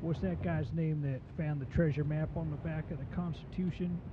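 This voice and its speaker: A man's voice: on the high side, steady tone, moderate pace, close to an everyday voice. A man playing a rambling, dim-witted trucker who talks in confident muddles, recorded with a dull sound and heavy traffic noise behind. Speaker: recurring comedy character.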